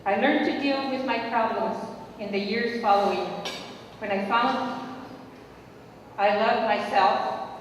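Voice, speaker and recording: Older woman speaking in an echoey hall. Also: on the high side. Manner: earnest, repeats phrases for emphasis. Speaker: speaker at a memorial dinner. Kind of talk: heartfelt personal speech. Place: large banquet hall. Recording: echoey hall from far off, with noise.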